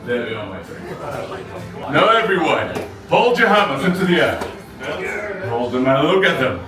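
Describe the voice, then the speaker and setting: A man's voice: fairly high pitch, big pitch swings, moderate pace. A man playing a mighty, boastful Norse thunder god in a live children's show, with grand, archaic, commanding speech. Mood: rousing. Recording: echoey venue from far off, loud music.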